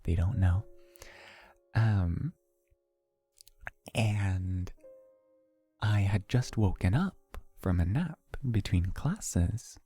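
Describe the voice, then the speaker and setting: A young adult male VTuber chats casually with his livestream audience in an unhurried, low, husky voice. His tone is dark and mellow yet his intonation lively, and he rambles through a story at an easy pace over faint background music.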